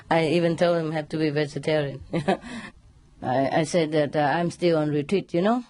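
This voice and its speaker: This deep-voiced woman, speaking at a moderate pace, is a spiritual teacher telling a story conversationally. Laughter comes often, and she brings in animated sound imitations.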